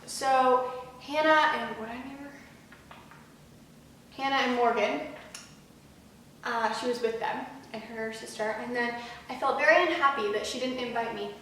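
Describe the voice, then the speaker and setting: A woman's voice: on the high side, normal speed, pauses often, fairly bright tone. A young woman, embarrassed and self-conscious as she reads aloud and chats casually, breaking off into informal asides. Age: young adult. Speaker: vlogger reading her old diary. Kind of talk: casual chat with reading aloud. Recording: very echoey room, distant mic, faint noise.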